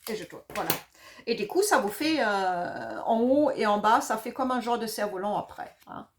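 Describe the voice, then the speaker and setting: A woman's voice: fairly high pitch, very animated, normal speed. A middle-aged woman from Germany with a German accent, explaining a paper craft project in a casual, hesitant way with many fillers and self-corrections. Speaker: craft demonstrator.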